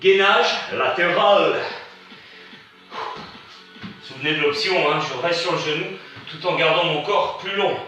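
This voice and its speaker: A man's voice: on the high side, a little slow, pauses often, bright, forceful tone. A man leading a workout class as instructor, counting reps and countdowns aloud between short motivating commands. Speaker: fitness instructor. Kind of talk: live workout class with rep counting and cues. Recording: echoey room from far off, music behind.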